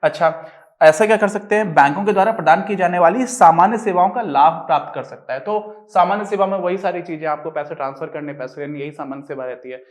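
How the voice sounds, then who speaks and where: A man's voice: fairly high pitch, fast talker. A man teaching a class, explaining in a casual, conversational way and answering his own questions as he goes.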